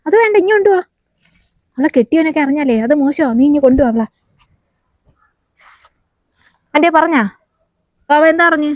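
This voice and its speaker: A woman's voice: medium pitch, little pitch movement, fairly quick, a little mellow, close to an everyday voice. A middle-aged woman playing a worried, caring mother-in-law in a home-made family drama, soothing others and repeating herself. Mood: loud, alarmed. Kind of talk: amateur family web-series acting. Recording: slightly dull, lo-fi sound.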